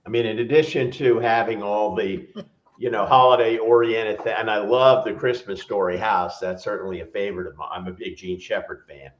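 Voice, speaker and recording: Laid-back guy rambling on a video call, lowish voice, echoey room, kinda muffled. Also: steady tone, fairly quick. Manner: rambling, easygoing, self-deprecating. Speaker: regular panelist on a livestream. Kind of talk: casual chat. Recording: roomy, dull lo-fi call audio.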